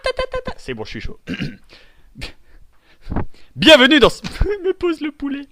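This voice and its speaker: A man recording comedy show bloopers, stumbling over his lines, giggling and swearing, with sudden shouts. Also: very high-pitched, wildly swooping pitch, brisk, a little hiss or hum.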